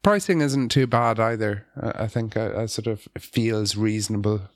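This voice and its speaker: Hesitant low-voiced man talking tech. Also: normal speed, no room sound, clean studio sound. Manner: hesitant, many ums and restarts. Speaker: podcast co-host, app developer. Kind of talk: casual tech podcast chat.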